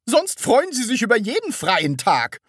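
A woman's voice: mid-range voice, wildly swooping pitch, moderate pace, fairly bright tone, no echo, clean studio sound, voice pushed up. A woman voicing a nosy, impatient middle-aged landlady who pries and reproaches. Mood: prying. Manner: curious, prying, reproachful.

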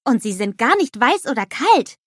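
A woman voicing an eager, innocent little male snowman with a high, excited, childlike manner. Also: moderate pace, no room sound, clean studio sound. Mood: wondering.

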